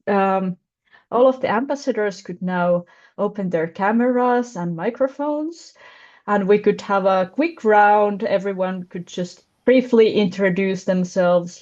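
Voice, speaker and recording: Woman running an online panel, brisk, kinda dull lo-fi audio. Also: medium pitch, a little mellow. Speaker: session moderator. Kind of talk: online info session hosting. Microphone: video call. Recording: dull video call audio.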